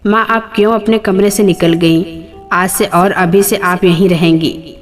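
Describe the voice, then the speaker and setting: A woman's voice: on the low side, steady tone, unhurried, soft background music, close to an everyday voice. A woman voicing an angry grown daughter. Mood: pleading. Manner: indignant, scolding. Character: angry grown daughter confronting her brothers.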